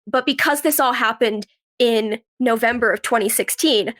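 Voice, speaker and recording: At a normal pace and in a fairly high, slightly bright voice, a young woman, an actress and writer, answers a podcast interviewer casually. She shares anecdotes, leans on "like," and repeats her own thoughts as quotes.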